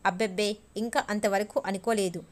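A woman voicing a shy, eager young female office worker in a novel reading, speaking softly and hesitantly. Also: mid-range voice, steady tone, fairly quick, lightly acted. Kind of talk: audiobook character reading.

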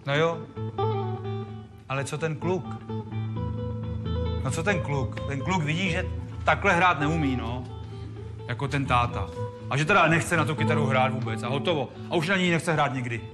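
A man giving a lively storytelling talk to a live audience, joking and acting out the characters. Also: a little high, pauses often. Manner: animated, jokey, acts out the characters. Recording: music playing behind.

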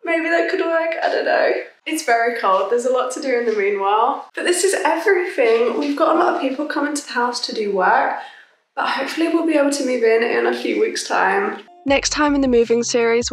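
A woman's voice: on the high side, fairly quick. A woman in her twenties, vlogging casually to a handheld camera at arm's length in an empty small house, chatty and upbeat. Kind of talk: casual vlog narration. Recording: echoey empty rooms.

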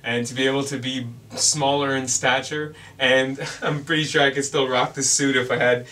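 Earnest young man vlogging, bright voice. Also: mid-range voice, little pitch movement, moderate pace, distant mic. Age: young adult. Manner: rambling, earnest, many fillers and restarts. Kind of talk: casual reflective vlog.

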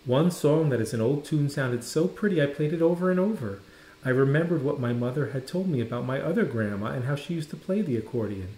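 A man reads a children's picture book aloud, his pitch rising and falling like a lively storyteller. There's a noticeable roomy echo, as though it was recorded in a bare room.

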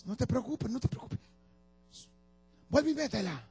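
A man preaching, giving voice to God as he speaks to Moses with passionate, shouted pronouncements. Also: extremely high pitch, big pitch swings, measured pace, husky, faint music behind, voice pushed up, heavily acted. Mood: tender. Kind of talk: sermon.

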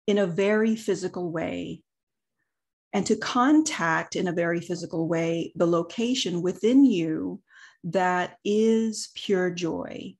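A middle-aged woman leading a guided meditation as host, speaking gently and deliberately with long pauses between phrases. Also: fairly low pitch, slightly rough. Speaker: guided healing session host.

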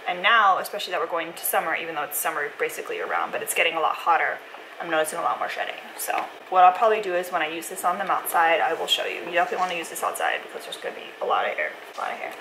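A woman's voice: on the low side, very fast. A young woman vlogger chatting casually to the camera in a room at home. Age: young adult. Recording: noisy room sound.

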